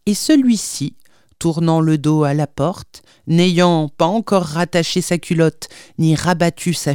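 A woman narrating a storybook in a measured, expressive reading. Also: sits low, dry recording, clean studio sound. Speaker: audiobook reader.

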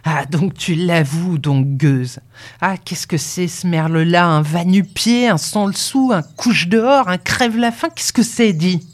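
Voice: mid-range voice, lively intonation, moderate pace, lightly acted. A reader playing a stubborn, bullying farmer who questions a servant girl harshly. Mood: angry. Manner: gruff, hectoring, insulting.

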